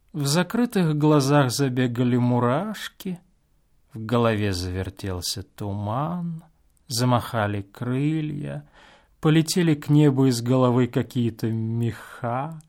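A man narrating a story as an audiobook with expressive, drawn-out delivery. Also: medium pitch.

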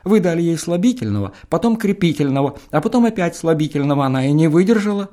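A man's voice: a little high, sing-song, fast talker, warm tone, voice pushed up. A man voicing a slightly drunk, scornful country medic who mocks and accuses. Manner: mocking, accusing.

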